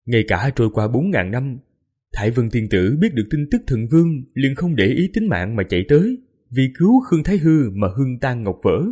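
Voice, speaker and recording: Husky male fantasy audiobook narrator. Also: mid-range voice, sing-song, brisk, warm tone. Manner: dramatic, mournful reading. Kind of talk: scripted narration.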